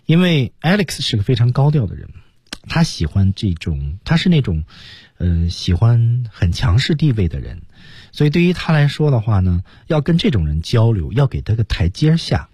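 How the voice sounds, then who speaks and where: Man, radio english teacher, dark mellow tone, very animated intonation, dry close sound. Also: normal speed, husky, no room sound. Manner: explanatory, emphatic swings between high and low. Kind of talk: radio language lesson explanation.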